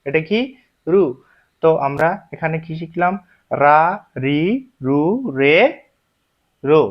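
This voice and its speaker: A man's voice: a little high, fairly even intonation, slow. A man teaching Japanese script step by step, explaining each stroke and repeating the syllables aloud. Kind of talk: slow step-by-step lesson. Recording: dull lo-fi recording.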